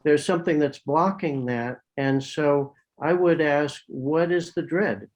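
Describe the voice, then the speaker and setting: A male psychiatrist with a voice on the high side speaks a little slowly. Over a video call in an online talk, he answers questions thoughtfully, often repeating words as he thinks.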